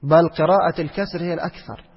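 Husky man teaching in a reverberant hall. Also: fairly high pitch, steady tone. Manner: explains by asking questions and answering them himself; repeats phrases, slows down to recite verses. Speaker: teacher of Quranic exegesis. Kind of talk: religious lesson. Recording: lo-fi recording with long hall reverb.

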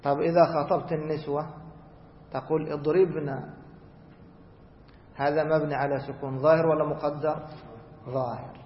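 A man teaching a grammar lesson who asks the class questions, answers them himself, and repeats key rules slowly. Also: fairly high pitch, level tone, slight background noise. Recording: echoey hall, dull lo-fi sound.

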